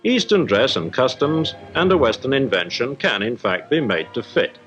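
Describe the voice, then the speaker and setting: This 1950s newsreel industrial correspondent has a British accent, a medium-pitched voice and very animated delivery at normal speed. He reads a formal, explanatory script, with music playing behind him on the dull old soundtrack.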